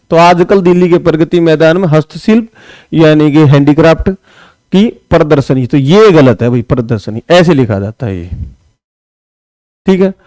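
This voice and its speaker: Brief: male Hindi teacher, high clear voice, dry close mic, talks through exam questions. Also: a little mellow, dry recording. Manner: explains step by step, often asks "है ना"; writes on a board while talking. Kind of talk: exam-prep lesson.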